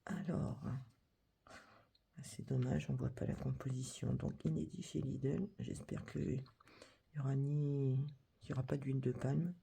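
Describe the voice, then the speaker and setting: A woman reading a catalogue as whispered ASMR, her voice breathy and very husky, with a heavy gravelly edge. She takes it unhurried and soft, adding chatty little asides between items. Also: a bass voice, fairly even intonation. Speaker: catalogue reader.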